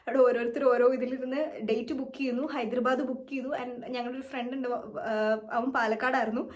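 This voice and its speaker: A woman's voice: fairly high pitch, flat delivery, fast. A young woman with a Malayali accent, telling her own story to camera in a chatty, rambling way and mixing English words into her speech. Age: young adult. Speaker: vlogger.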